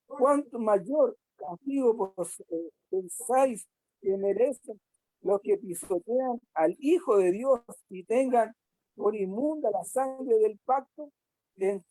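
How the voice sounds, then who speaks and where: A woman's voice: on the high side, mellow, dry recording, poor audio. A woman reviewing a church Bible lesson, asking the listeners questions and hesitating often. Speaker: Sabbath school teacher.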